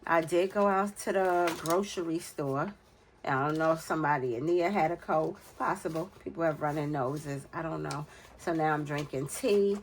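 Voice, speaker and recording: This budgeting vlogger, an American woman in her forties, has a cold that makes her congested and nasal. She talks casually, unhurried, counting aloud under her breath as she fills in budget challenges. Her voice is low at normal speed, with a little hiss or hum in the audio.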